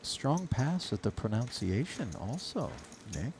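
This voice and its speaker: A man's voice: mid-range voice, big pitch swings, a little slow, darkish tone, slight background noise. A man giving play-by-play poker commentary with wordy, ornate phrasing.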